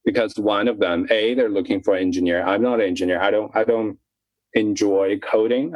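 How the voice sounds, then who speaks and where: Deep-voiced man from China, candid. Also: darkish tone, no echo, rough recording. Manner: candid, laughs between thoughts, frequent restarts. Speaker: podcast guest. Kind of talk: casual interview talk.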